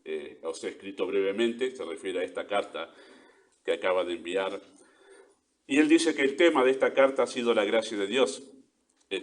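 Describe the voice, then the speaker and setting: An Argentine pastor preaching in a lowish male voice. He is earnest and deliberate, and leans hard on key words. He often checks in with his listeners through short rhetorical questions. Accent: Argentine Spanish. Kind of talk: sermon.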